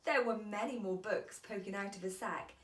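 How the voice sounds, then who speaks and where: Reading from a children's storybook in a teacher's role, this woman tells the story expressively and deliberately. Her voice sits in the mid range, and the recording sounds roomy.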